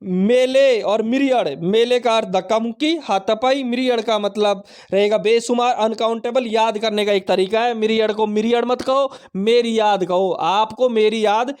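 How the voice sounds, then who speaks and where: A man with a strikingly high, smooth, clear voice runs a vocabulary lesson. He repeats each word and meaning several times, firing questions at himself and answering them to make the memory tricks stick. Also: normal speed, few pauses, darkish tone. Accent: Hindi-speaking Indian. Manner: repetitive, drilling with mnemonics and self-questions. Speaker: vocabulary teacher. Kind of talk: online exam-prep lesson.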